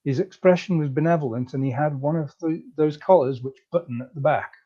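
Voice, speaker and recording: Man reading a comic story aloud, mellow. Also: fairly high pitch, brisk. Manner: breezy, chatty first-person storytelling. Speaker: story reader. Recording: slightly dull lo-fi recording.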